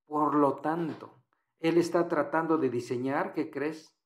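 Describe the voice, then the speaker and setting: A man's voice: a little high, measured pace, echoey room. A man teaching English in Spanish, patiently walking through exam answers and repeating phrases.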